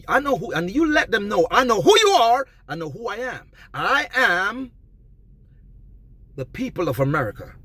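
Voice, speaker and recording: Husky, animated man lecturing emphatically. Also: sits high, no echo. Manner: emphatic, preachy, rises to near shouting. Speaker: vlogger giving advice. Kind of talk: passionate monologue.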